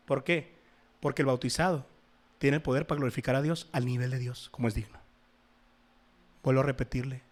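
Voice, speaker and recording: A man preaching a sermon to his congregation, swinging between loud exhortation and soft asides. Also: on the high side. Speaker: pastor.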